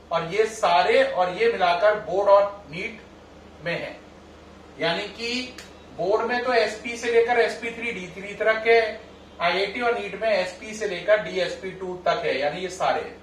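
A high-pitched middle-aged man teaching a chemistry class. He addresses his students as children and keeps checking with them through questions. The sound is roomy and picked up from a few steps away. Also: a little slow, a bit bright, a little hiss or hum. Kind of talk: classroom lecture. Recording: echoey room, mic at a distance.

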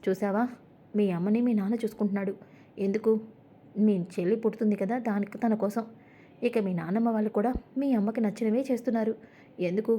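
A woman's voice: mid-range voice, warm tone, natural voice. A woman voicing a scheming, manipulative older woman in a retold family serial, talking in a coaxing, needling way.

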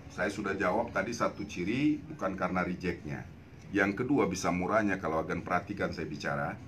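Older male seller, low-pitched and emphatic, live-stream pitch on a phone in a small store, faint background noise. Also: a bit bright. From Indonesia. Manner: emphatic, repeats phrases with tag "ya". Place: indoor jeans shop. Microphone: phone camera at arm's length.

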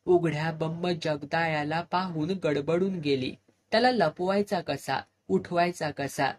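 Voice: medium pitch, a little slow. Storyteller narrating a village tale. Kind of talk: Marathi story narration with voiced dialogue.

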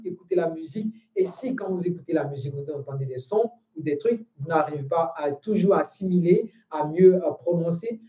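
A man teaching a language lesson on a live stream, earnest and halting, explaining step by step with many fillers and repeated words. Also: on the high side, mellow, echoey room, rough recording. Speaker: French teacher.

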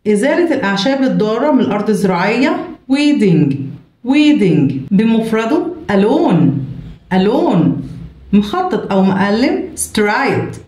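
Egyptian lady english teacher repeating words twice, mid pitch, echoey room. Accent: Egyptian Arabic. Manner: reads each English word twice, then its Arabic meaning, at a steady pace. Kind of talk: reading and translating vocabulary for students.

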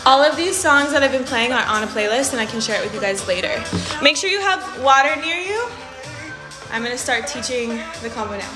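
A woman's voice: sits high, lively intonation, brisk, over music. A woman teaching a live online dance class, out of breath as she counts out the steps. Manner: upbeat, counting steps aloud. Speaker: dance instructor. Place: indoor room, dancing live. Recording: echoey room.

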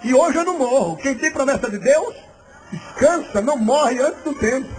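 Male missionary preacher, very high voice, dramatic and lively, often shouting. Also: normal speed, noisy background. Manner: fervent, theatrical, often shouting. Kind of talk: sermon with a personal story.

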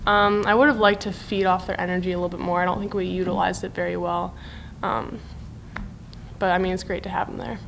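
A woman's voice: on the low side, flat delivery, a little fast, vocal fry, fairly bright tone, a little hiss or hum. A young woman, a college basketball player, answering casually with many fillers at a postgame press conference. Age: young adult. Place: press room. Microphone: table mic.

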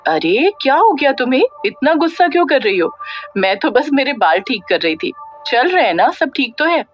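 A woman's voice: fairly high pitch, very animated, moderate pace, a bit bright. A woman narrator voicing Tara, a good-natured young woman who keeps asking bewildered questions. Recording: dull lo-fi audio with faint music.

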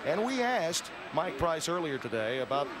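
A man's voice: a little high, sing-song, normal speed. A man calling live American football as a play-by-play announcer. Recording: loud stadium crowd noise. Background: roaring stadium crowd.

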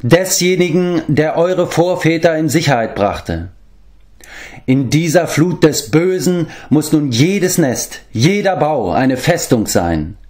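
A man voicing a wise, grave old man who watches over the animals, in a measured, stately storybook manner. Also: medium pitch, animated, a little mellow, natural voice. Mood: commanding.

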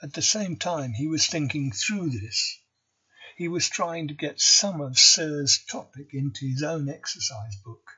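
A man reading a novel chapter aloud for English learners, slow and deliberate. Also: a little high, sharp tone, breathy edge, muffled recording. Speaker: audiobook reader.

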